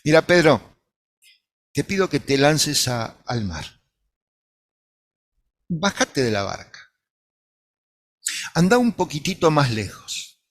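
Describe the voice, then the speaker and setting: A man preacher speaking as Jesus, a patient grown teacher who gives calm instructions. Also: on the high side, slow, pauses often. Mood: gentle.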